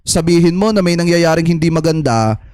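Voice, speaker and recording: Man, Filipino accent, vlogger commentary, high voice, chatty and repetitive, dry close recording. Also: lively intonation, brisk, a little mellow, no echo. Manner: addresses audience as "mga kababayan", chatty, repetitive. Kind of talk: commentary addressed to viewers.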